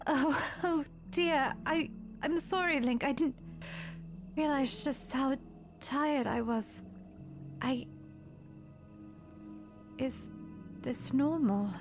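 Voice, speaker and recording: A woman playing a tired, polite and flustered young princess in an audio drama, speaking haltingly. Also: high voice, music in the background, heavily acted. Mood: exhausted, apologetic. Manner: halting, polite, formal phrasing. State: tired, breathy sighs. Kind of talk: fan audio drama acting.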